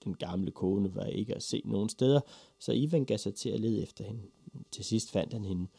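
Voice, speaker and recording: A man reading a children's story aloud with a lively, expressive delivery. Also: fairly low pitch, vocal fry, husky, no room sound. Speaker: narrator.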